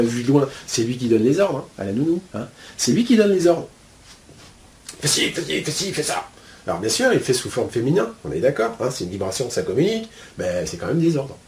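Lively, blunt man lecturing on spirituality. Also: mid-range voice, a little hiss or hum. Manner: colloquial, blunt, peppered with asides. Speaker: spiritual teacher.

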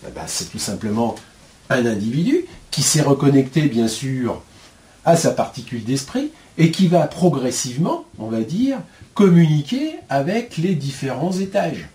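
A man teaching spiritual ideas in a loose, colloquial way. His pitch swings widely as he talks, and he throws in blunt slang and constant little asides. He sounds like he is explaining things at a board. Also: very animated, normal speed, warm tone.

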